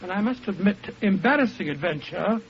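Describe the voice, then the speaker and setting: A man's voice: high voice, animated, fairly quick. An actor playing a genial older English doctor, chuckling and slightly blustering as he recounts adventures in 1940s radio style. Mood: genial storytelling. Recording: muffled old 1940s radio recording.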